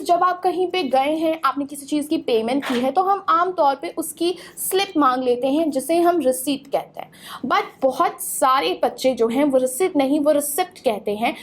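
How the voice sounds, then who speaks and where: A woman teaching English pronunciation in a clear, instructive lesson, spelling words out letter by letter. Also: high voice. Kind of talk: explanatory lesson.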